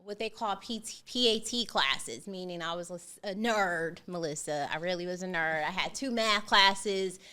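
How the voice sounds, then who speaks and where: Woman podcast host, bright tone, animated and emphatic, casual chat. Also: fairly low pitch, normal speed, few pauses, clear, resonant tone. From not from the West Coast.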